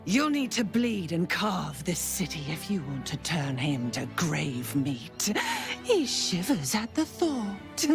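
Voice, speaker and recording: A woman's voice: on the low side, very animated, slow pace, full character voice. A woman voicing a mocking, menacing shapeshifting cult assassin in a video game, theatrical and taunting. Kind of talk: video game villain acting. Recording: music behind the voice.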